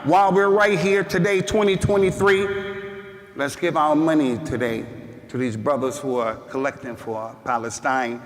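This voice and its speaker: An American man giving a Friday sermon as imam, emphatic, repeating words and rising to shouts. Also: fairly high pitch, fairly even intonation, moderate pace. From United States. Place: mosque hall. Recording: long hall reverb.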